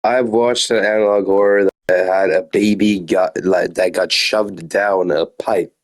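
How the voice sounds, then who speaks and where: Very deep-voiced joking man. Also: a little slow, no echo. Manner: jokey, deadpan teasing. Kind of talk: casual chat.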